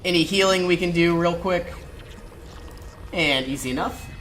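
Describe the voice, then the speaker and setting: A casual gamer narrates a strategy walkthrough in a mid-pitched voice. Game sounds and noise run clearly behind the commentary. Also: normal speed, a bit bright. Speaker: gameplay commentator.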